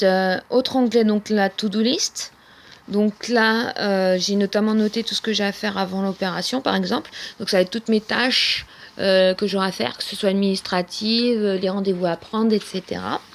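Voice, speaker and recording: A woman's voice: medium pitch, fairly even intonation, normal speed. A young woman showing her planner in a casual vlog, talking with many hesitations and fillers. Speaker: vlogger.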